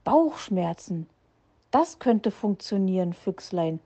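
A grumpy, jittery uncle fox from a children's storybook, gruff one moment and flustered the next, as a woman reader plays him. He talks slowly in a dark, mellow voice. The recording has a dull, lo-fi sound. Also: mid-range voice, very animated, heavily acted. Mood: blustering. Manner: gruff, blustering, flustered excuses. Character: grumpy, nervous middle-aged male fox uncle.

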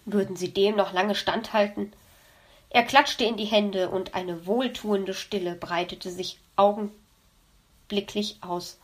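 A woman narrating a children's story in a calm, even storytelling manner. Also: mid-range voice, slow pace. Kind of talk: audiobook narration.

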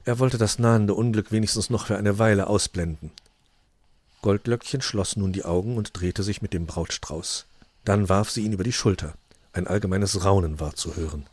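Man narrating a storybook, low voice, calm telling, dry close sound. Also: normal speed, no echo. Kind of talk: audiobook narration.

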